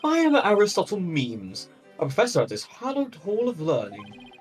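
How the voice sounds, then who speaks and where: A man's voice: sits high, huge pitch swings, moderate pace, far from the mic, faint music behind, voice pushed up. A man voicing a flamboyant, pompous law professor from a game, exclaiming in flowery, grandiloquent phrases. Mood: grand, delighted.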